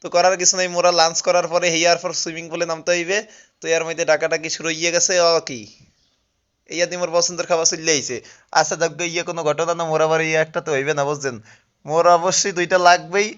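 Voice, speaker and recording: Fast-talking man with a Barishal accent. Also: a little high, level tone, a bit bright, highs cut off. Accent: Barishal dialect of Bengali. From Barishal, Bangladesh. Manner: joking, chatty, often asks listeners if they understand. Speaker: vlogger. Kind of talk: casual travel vlog narration. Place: outdoor resort with swimming pool.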